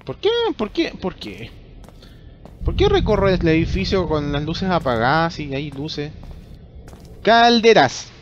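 A young man with a Chilean accent narrates his horror gameplay, edgy and muttering to himself in a fairly high voice. His delivery is unhurried between the scares. The recording sounds muffled and carries noticeable background noise. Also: animated. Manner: jumpy, nervous, talks to himself. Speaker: gamer. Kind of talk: horror game commentary.

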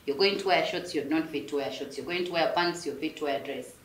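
A woman, a guest joking in a bossy, quick way. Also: sits low, background noise. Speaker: guest, creative director. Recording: echoey room.

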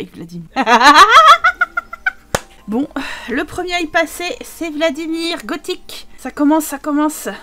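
A woman's voice: sits high, a bit bright. A woman giving casual, joking commentary over a life-simulation game and talking to the characters. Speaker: gaming streamer.

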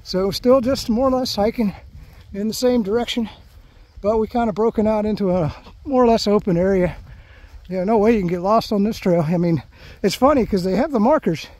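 High-voiced and a bit quick, with a darkish tone on a dry recording, a man vlogs his hike outdoors. Walking a grassy path through palm scrub, he thinks out loud in a loose, rambling way, sprinkling in "you know."

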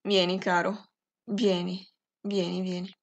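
A bereaved young mother in an audiobook, speaking low, even and strangely detached, as a woman reads her. A gravelly rasp sits under the quiet words. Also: takes it slowly, lo-fi sound. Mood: numbed calm.

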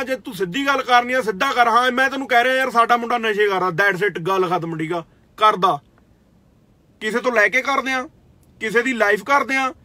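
High-voiced Punjabi man ranting angrily. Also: bright, forceful tone, no room sound. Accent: Indian Punjabi. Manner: confrontational, scolding, swears, repeats "theek aa". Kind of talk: angry direct-to-camera rant.

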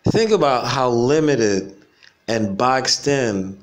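Speaking slowly with lively intonation, a relaxed male vlogger rambles reflectively to his viewers from his home in the Caribbean. His loose, slang-filled stream-of-consciousness monologue wanders between points, with easy chuckles here and there, and his pitch is an ordinary middle range for a man.

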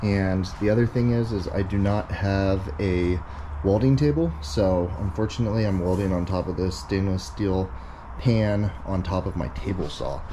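An American man in his thirties, a car builder and YouTube host, explains things casually in a plain-spoken, matter-of-fact way. His voice is low-pitched at normal speed. He's in a driveway and open home garage, with clear outdoor and garage ambient noise.

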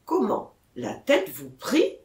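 A woman reading an audiobook, voicing a skeptical doctor who talks in a sharp, incredulous way. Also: slow, far from the mic, natural voice. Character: skeptical, scornful male doctor. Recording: echoey room.

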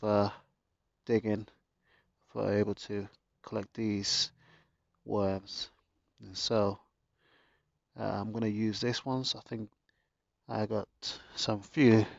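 A man giving a casual how-to narration in his garden, relaxed and chatty with jokey asides, recorded on a handheld phone. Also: lowish voice, gravelly, no echo, dull audio. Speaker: gardening vlogger. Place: home garden, outdoors.

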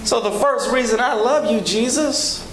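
A man in his thirties preaching a sermon from a church pulpit on a handheld microphone, rhythmic, rising to emphatic high peaks, with joking asides to the congregation. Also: moderate pace, over a noisy crowd. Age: 30s. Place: large church sanctuary, at a pulpit. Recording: echoey church hall with background noise.

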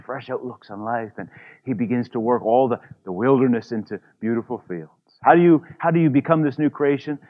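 A male pastor delivering a sermon in a chatty, informal style, slipping in frequent "you know" asides. His voice sits at an ordinary middle pitch. The recording is somewhat dull and lo-fi.

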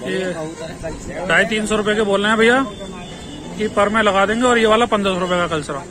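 A man with a Western Uttar Pradesh Hindi accent vlogs his way through a pigeon market, chatting with sellers and viewers in brisk, salesy patter and repeatedly urging his audience on. His voice sits fairly high, and the phone recording picks up the crowd chatter and traffic of the busy outdoor street market.

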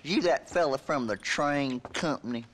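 An actor playing a surly, hostile deputy in a video game, with a gruff drawl. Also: male voice, fairly high pitch, normal speed, fairly bright tone, a little hiss or hum, close to an everyday voice. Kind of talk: video game cutscene acting.

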